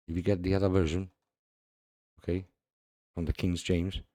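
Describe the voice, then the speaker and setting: Deep, dark-voiced man discussing scripture. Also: little pitch movement, normal speed, no room sound, studio quality. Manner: reads scripture aloud, laughs often, repeats "see". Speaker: religious video host. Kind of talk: casual religious commentary.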